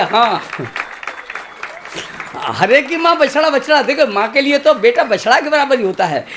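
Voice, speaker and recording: A man in his sixties, a comic poet reciting humorous verse on stage in a slow, sing-song way with chatty asides to the audience. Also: extremely high pitch, noisy background. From India. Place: stage at a poetry gathering.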